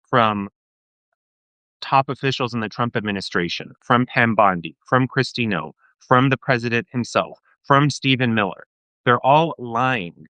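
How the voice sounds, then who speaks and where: A man's voice: medium pitch, bright, forceful tone, smooth, dry recording, low-quality recording. A man speaking as a guest in an interview, impassioned and often restarting his sentences. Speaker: guest, advocacy group staff. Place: remote call from Washington, DC.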